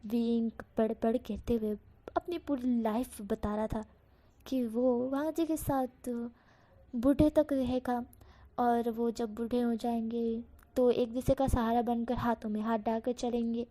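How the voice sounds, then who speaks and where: A woman's voice: on the high side, steady tone, unhurried, warm tone. A woman casually telling a fan fiction story in a chatty way, correcting herself as she goes. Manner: chatty, with fillers and self-corrections.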